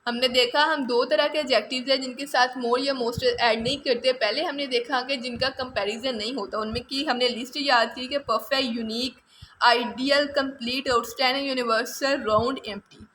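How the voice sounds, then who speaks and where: Bright high-voiced woman teaching grammar. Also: steady tone, a little hiss or hum. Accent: Pakistani. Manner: explanatory, repeats examples slowly, drills word lists. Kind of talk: exam-prep grammar lecture.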